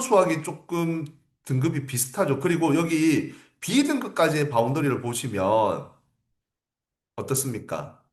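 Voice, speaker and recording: Animated man lecturing, repeats points. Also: a little high, roomy sound. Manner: emphatic, repeats key phrases, asks rhetorical questions. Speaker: academy teacher. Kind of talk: livestream lecture to parents.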